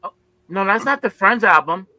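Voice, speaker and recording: A man chatting casually and excitably, insistent and slangy, often repeating himself. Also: sits high, moderate pace, no room sound, rough recording.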